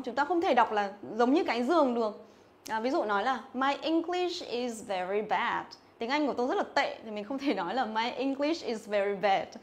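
A young woman giving a livestream English pronunciation lesson, repeating words over and over and checking that students remember. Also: fairly high pitch. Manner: drills words by repeating them, checks in with "nhớ chưa?". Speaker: English teacher. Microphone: phone or webcam mic on a livestream.

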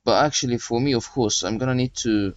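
Brisk and mid-range, his voice comes through on dull audio. This young gaming channel host, not a native German speaker, casually comments on his play, rambling and reading mission briefings aloud.

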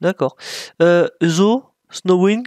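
A man's voice: sits high, takes it slowly, darkish tone, dry recording. A man giving casual gameplay commentary, thinking aloud while he plays and mocking himself with frequent apologies. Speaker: gaming YouTuber.

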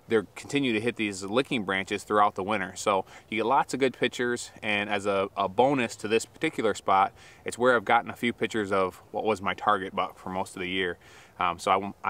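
A young man in snowy woods giving a relaxed, practical explanation on camera, with frequent fillers. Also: fairly low pitch. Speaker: outdoor show presenter.

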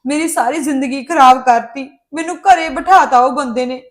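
A woman's voice: fairly high pitch, fast talker, close to an everyday voice. A woman playing a wronged young daughter in a family drama, talking insistently and indignantly to her mother. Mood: upset. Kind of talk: Punjabi family drama dialogue.

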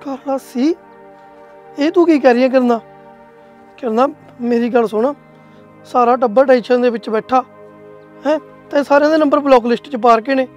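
A man's voice: very high-pitched, normal speed, long pauses, a little mellow, muffled recording, faint music behind. A man playing a young village man who calls out to a friend and pleads on the phone. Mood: pleading. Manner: calling out, casual. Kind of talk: village comedy drama acting.

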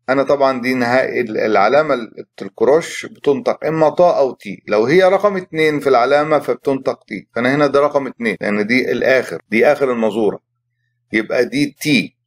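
Patient Egyptian man teaching music. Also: mid-range voice. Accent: Egyptian Arabic. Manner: patient and explanatory, slowly chants rhythm syllables and note names. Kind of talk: explanatory music lesson.

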